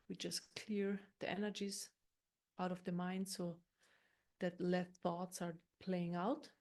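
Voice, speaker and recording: A woman guides an unscripted meditation in a soft, leisurely way, explaining as she goes and frequently looping back over what she has said. Her voice is mid-range and creaky.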